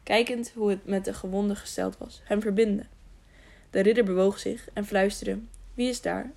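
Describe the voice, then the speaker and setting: A woman reading an audiobook aloud, with a gravelly, creaky texture in her voice. She stumbles over words now and then and goes back to correct them. Her pitch sits in the middle for a woman. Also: fairly even intonation, normal speed, a little mellow. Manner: frequent slips and self-corrections. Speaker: audiobook reader. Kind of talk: scripted narration.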